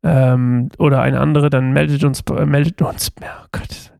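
A man reads a Bible passage aloud and then talks it over casually, stumbling and restarting here and there. His voice is warm and soft-toned with a gravelly fry. The recording is close and dry, with no room sound. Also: medium pitch, little pitch movement, unhurried, no echo. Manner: reads steadily with small slips and restarts, then talks loosely with fillers. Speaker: Bible reading podcast host.

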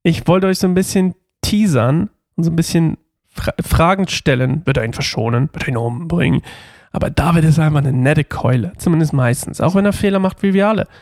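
A man's voice: on the high side, a little fast, vocal fry, a little mellow, no room sound, studio quality. A man hosting a casual Bible-study podcast, chatty and self-correcting, sprinkling English phrases into his talk. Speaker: podcast host.

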